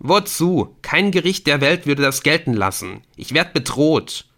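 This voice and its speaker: A man's voice: on the high side, very animated, unhurried, fairly bright tone, pitched above the performer's own voice, full character voice. A man voicing a panicky, scheming middle-aged businessman who shrieks when cornered. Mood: defiant.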